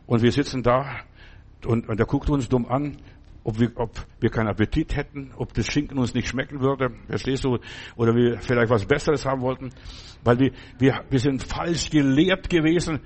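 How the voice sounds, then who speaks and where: A preacher with a medium-pitched voice speaks at a moderate pace in a steady tone. His sermon is informal and conversational, full of repetition, restarted phrases and asides.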